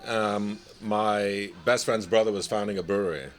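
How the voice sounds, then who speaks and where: Speaking with a steady tone, a Nigerian chef recounts his career in a relaxed interview. His voice is very deep and low, his manner measured and reflective, and now and then he lets out a light laugh.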